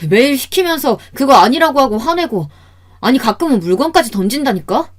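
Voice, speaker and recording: A woman's voice: medium pitch, lively intonation, normal speed, mellow, breathy edge. A woman voicing an exasperated middle-aged son-in-law in a radio story, sighing and pleading as he complains. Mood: complaining.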